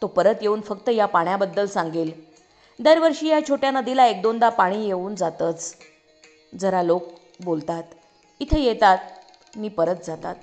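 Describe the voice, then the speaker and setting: A woman of middle pitch reads a literary short story aloud with expressive, dramatic shading. Faint music sits quietly underneath her voice. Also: normal speed. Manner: expressive, rises sharply for shouted lines. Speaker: story reader.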